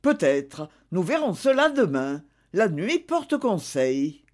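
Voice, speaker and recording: A woman reading the part of a worried, grumbling husband in a novel, voicing him slow and hesitant. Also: fairly low pitch, big pitch swings, darkish tone. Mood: weary.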